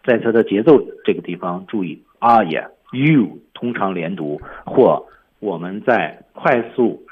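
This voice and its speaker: A man's voice: fairly low pitch, animated, a little slow, husky, narrow, tinny audio. A man teaching English on a radio lesson, explaining film lines step by step.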